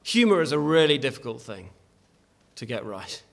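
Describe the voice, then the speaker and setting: A man's voice: mid-range voice, sing-song, moderate pace, vocal fry, a bit bright. A man preaching a sermon in a church, earnest and emphatic, often restarting his phrases as he exhorts the congregation.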